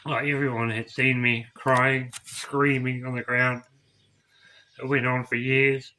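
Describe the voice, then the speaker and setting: A middle-aged man telling his own story to camera, emotional and tearful, halting and repeating words as he goes. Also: medium pitch, little pitch movement, pushed and bright. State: crying. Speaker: vlogger.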